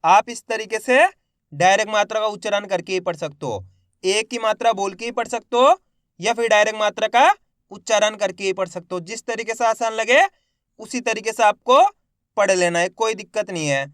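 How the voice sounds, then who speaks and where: A man teaching Hindi reading, sounding out each syllable loudly and then blending it into the word, encouraging his viewers as friends. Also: sits high, moderate pace, dry recording, studio quality. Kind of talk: slow syllable-by-syllable reading lesson.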